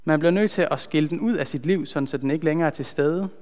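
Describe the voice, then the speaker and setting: Man preaching, slightly high voice, earnest and measured, long echo of a hall. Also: a little mellow. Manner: earnest, measured, slows for emphasis. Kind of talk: sermon with a retold story.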